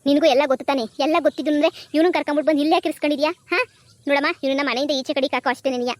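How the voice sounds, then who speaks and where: A woman voicing a high, quick-talking young village wife in a cartoon comedy. She turns from sugary begging to biting scorn. The recording is close and dry. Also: steady tone, no echo, close to an everyday voice. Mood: angry. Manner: pleading sweetly to her father-in-law, then scolding with contempt.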